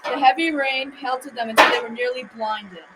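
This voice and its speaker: This child, a girl of about twelve or thirteen, narrates a scripted folktale radio drama at a moderate pace in a high voice close to how she normally talks. She trips over words occasionally. The amateur school recording is noisy.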